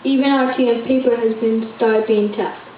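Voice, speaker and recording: Woman reading narration carefully, high voice, echoey room. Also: steady tone, moderate pace. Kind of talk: school project narration. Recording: echoey room, dull, faint noise.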